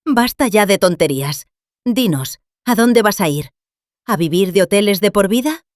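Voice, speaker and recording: Audiobook figure: a pushy middle-aged woman, read by a woman narrator, sharp and raised, dry close recording. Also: fairly low pitch, expressive, a little slow, no room sound, pitched above the performer's own voice. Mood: angry.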